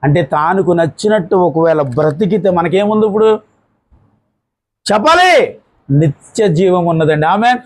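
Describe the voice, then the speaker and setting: High-pitched man preaching a sermon. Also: lively intonation, rough recording. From India. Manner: call-and-response preaching, urging amens; swings between loud exclamations and slow low-pitched phrases. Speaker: pastor.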